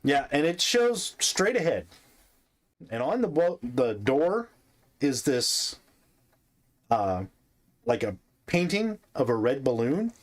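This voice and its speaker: A man runs a tabletop game as game master, with an average pitch. He narrates in a laid-back way and chuckles often. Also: sing-song, takes it slowly, pauses often.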